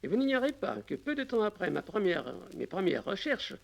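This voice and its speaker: An older man speaks in a high, creaky voice. He gives learned, assertive interview answers in formal phrasing, recorded on old worn 1950s radio tape. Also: big pitch swings, brisk. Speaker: interviewed author.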